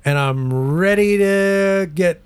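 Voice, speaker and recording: A man co-hosting a comedy podcast, rambling and halting through deadpan absurd riffs. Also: high-pitched, clear, resonant tone, no room sound. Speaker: podcast co-host. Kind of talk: comedic banter.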